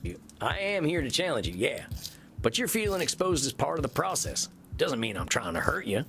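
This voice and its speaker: A folksy vampire cowboy counselor in a video game. His voice is gravelly and fairly high for a male, frank and gently challenging, with faint music behind. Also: very animated, a little fast, exaggerated voice. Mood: firm, gentle.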